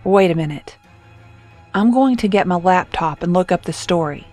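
Woman voicing a grave teen friend for a horror story, lowish voice, steady and commanding. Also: normal speed, soft background music. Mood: serious. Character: serious teenage girl, calm best friend.

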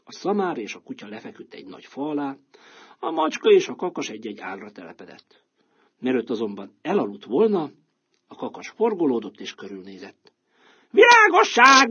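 A man narrating a children's fairy tale in an expressive, lively storytelling manner, with a husky voice. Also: medium pitch. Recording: dull lo-fi recording.

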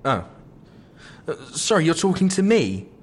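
A sarcastic British captive. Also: male voice, fairly high pitch, very animated, a little slow, breathy edge, heavily acted. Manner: sarcastic, dismissive and drawling. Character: lazy sarcastic British man held captive. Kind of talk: audio drama acting.

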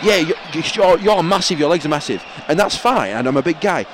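A man's voice: a little high, expressive, a little fast, crowd noise. A man with a Bradford accent co-hosting a football podcast in casual, bantering chat from a stadium press box. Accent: Bradford, West Yorkshire. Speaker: podcast co-host. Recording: noisy outdoor stadium, traffic ambience.

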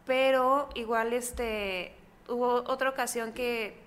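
A woman's voice: a little high, slow pace, slight background noise. A young woman with a Mexican accent, chatting casually as a guest and acting out the voices in her stories. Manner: chatty, animated retelling with quoted voices. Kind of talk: casual storytelling. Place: coworking space.

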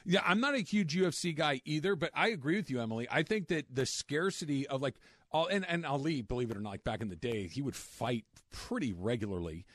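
A man hosts a casual sports radio talk show, chatty and joking, often restarting his sentences. His mid-range voice is expressive, brisk and a bit bright, with no echo.

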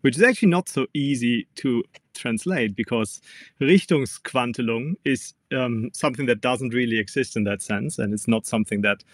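A man's voice: medium pitch, normal speed, no echo. Man, German accent, physics professor guest, careful explainer, dry close sound. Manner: careful, explanatory, with frequent ums. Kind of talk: interview explanation.

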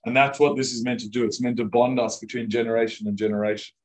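A rabbi with a mid-range, steady voice talks fast as he gives an informal class to a live group of students. His delivery is casual and chatty, full of "like," and he keeps putting questions to the room.

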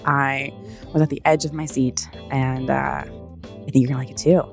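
Woman podcast host, congested and low-pitched, casual and sardonic, swears a lot. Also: little pitch movement, moderate pace, gravelly, music in the background. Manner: sarcastic-sounding, swearing, rambling. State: stuffy nose.

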